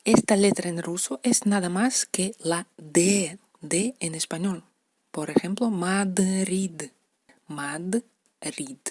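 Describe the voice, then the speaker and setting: Woman teacher, low and husky, patient repeater of example words. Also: slow, darkish tone, dry recording, studio quality. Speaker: language teacher. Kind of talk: explaining letter pronunciation to beginners.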